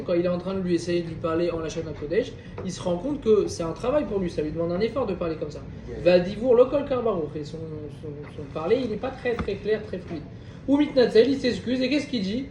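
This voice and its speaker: A high-voiced man teaches a Torah class, reading a Hebrew passage and then explaining it in French with questions to the group. The room is echoey, the mic distant, with faint background noise.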